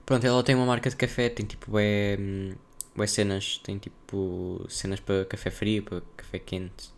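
A man's voice: on the low side, flat delivery, moderate pace. A young man with a European Portuguese accent chatting casually on a solo podcast, rambling and slangy as he thinks aloud. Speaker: podcast host.

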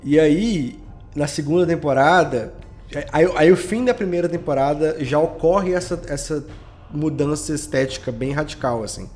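This Brazilian podcast guest, an audio drama creator and editor, describes his creative work in a casual, slang-heavy way. His voice sits on the high side with a darkish tone, and he keeps a moderate pace.

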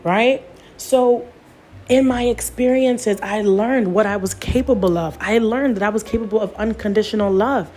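A woman's voice: medium pitch, normal speed, mellow, slight background noise. A young adult woman giving an earnest personal testimony as a spiritual speaker, repeating phrases for emphasis.

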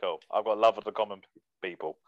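A man's voice: on the low side, fast. A man hosting a casual music podcast, laughing often and swearing casually. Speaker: podcast host running a music list. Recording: dull muffled sound, dry.

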